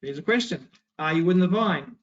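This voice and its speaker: A man's voice: a little high, animated, normal speed. A man giving a Bible study talk, emphatic and fond of rhetorical questions. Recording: dull lo-fi recording.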